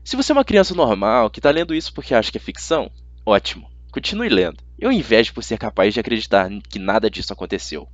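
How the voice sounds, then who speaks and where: A Brazilian-accented man narrates a first-person youth fantasy novel as an amateur audiobook reader, telling it in an expressive, chatty way. His voice is lowish and his pace quick. The recording is dry, with no room sound, and has a lo-fi quality.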